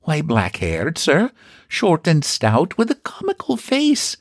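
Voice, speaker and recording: A man's voice: a little high, wildly swooping pitch, takes it slowly, no echo, clean studio sound, pitched above the performer's own voice, full character voice. A man voicing an old landlady who is proper, businesslike and stern, speaking in guarded, furry tones. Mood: prim.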